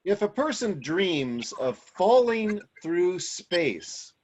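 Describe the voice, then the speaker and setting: Brief: male host on a video-call game show, animated pitch, lo-fi audio. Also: slow, slight background noise.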